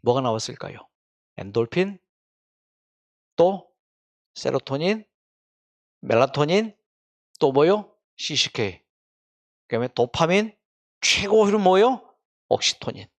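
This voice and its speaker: A man delivers a faith-based health lecture, moving between quiet narration and questions to the audience. His voice sits a bit high for a man and has a strong gravelly fry. He speaks like a regular speaker of the lecture series. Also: sing-song, slow pace, pauses often.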